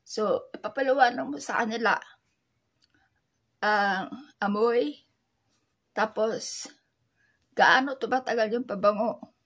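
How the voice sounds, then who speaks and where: A woman who sells online shares tips in a casual vlog, her soft voice sounding teary, slightly high and breathy. She speaks slowly and haltingly, using many fillers.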